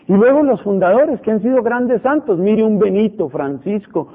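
A priest delivers a fervent radio sermon in a high, husky voice. The sound is thin and phone-like, as on an old broadcast. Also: male voice, lively intonation, normal speed. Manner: fervent preaching with dramatic quoted prayers.

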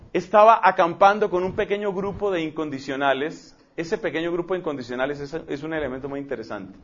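A man preaching a sermon, telling a story emphatically and rushing through asides. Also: high-pitched. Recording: dull lo-fi recording.

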